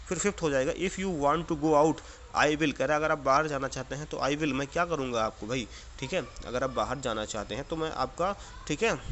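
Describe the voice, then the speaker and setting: A man teaches a school lesson, his voice sitting a little high for a man. He reads each sentence out slowly and repeats key words as he checks that the class follows. A faint hum runs behind him. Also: fairly bright tone. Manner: reads English sentences slowly, then explains them in Hindi. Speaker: English teacher. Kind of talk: classroom lesson explaining exercises.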